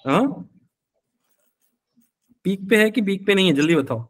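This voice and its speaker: A young man teaching physics in a live online class, with a slightly high voice. He talks in a chatty, fatherly way, mixing in terms. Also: lively intonation, a little slow. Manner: chatty, calls students beta, answers their questions.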